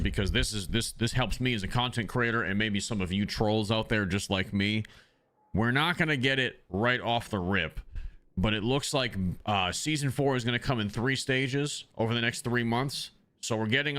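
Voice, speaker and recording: A streamer with a fairly low, fairly bright voice chats loosely with his viewers into a desk microphone. He rambles with many ums while suffering from the hiccups in this casual livestream chat.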